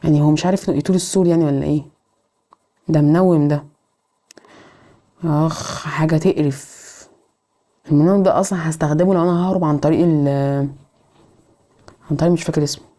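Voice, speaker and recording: A woman with an Egyptian accent giving excitable let's play commentary, scolding the game characters. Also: low-pitched, quick pace, long pauses. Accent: Egyptian Arabic. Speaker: gamer.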